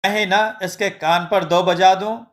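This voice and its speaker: A man voicing a sarcastic scolding village mother, slow, rather high. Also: fairly even intonation, a bit bright.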